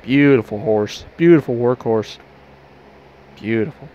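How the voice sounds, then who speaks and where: Wrapping up his game stream from a small bedroom, a young adult man talks to camera through a headset mic in a rambling, casual outro full of loose restarts and Southern "y'all"s. He has a medium-pitched, dark voice at a measured pace, and the sound is lo-fi.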